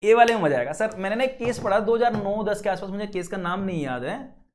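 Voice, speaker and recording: A young Indian man teaching a law lecture, lively and scolding, mixing in English legal phrases. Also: high voice, fast talker.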